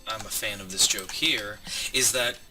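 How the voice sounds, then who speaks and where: A man's voice: fairly low pitch, moderate pace, recorded from a distance, over music. A man in his twenties hosting a Let's Play, rambling through a joke and stopping mid-sentence to count aloud. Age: 20s. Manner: rambling, self-interrupting, stops to count aloud. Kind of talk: gameplay commentary. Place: home room with squeaky chair.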